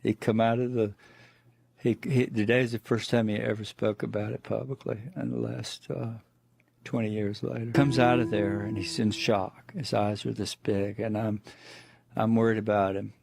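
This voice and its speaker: A man's voice: on the low side, level tone, normal speed, vocal fry, darkish tone, breathy edge, no echo. A middle-aged man, a guest on the show, recounting a personal encounter in plainspoken storytelling full of restarts. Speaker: eyewitness guest.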